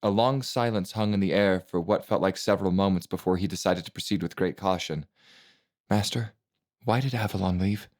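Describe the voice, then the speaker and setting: Brief: male narrator, deep voice, calm steady fantasy reading. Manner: even, measured storytelling. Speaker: audiobook narrator.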